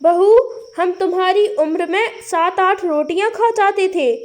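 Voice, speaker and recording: Scolding old village mother-in-law, woman doing the voice, high-pitched and slow, cartoon story. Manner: scolding, mocking.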